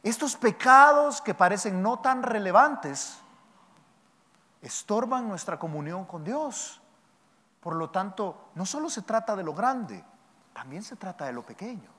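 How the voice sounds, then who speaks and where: A man preaching a sermon as pastor, animated and teasing his congregation with rhetorical questions. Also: high-pitched, a little slow. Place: church hall. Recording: long church hall reverb.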